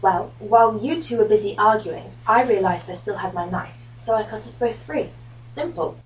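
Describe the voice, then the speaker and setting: A man voicing a wry, teasing young Roman woman in a breezy, smug falsetto. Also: moderate pace, far from the mic, slight background noise, close to an everyday voice, rough recording.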